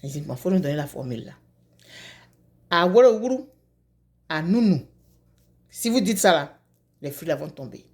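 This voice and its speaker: Woman telling a lively folk tale. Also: fast. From Côte d'Ivoire. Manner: lively, repetitive, drops to low asides. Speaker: storyteller.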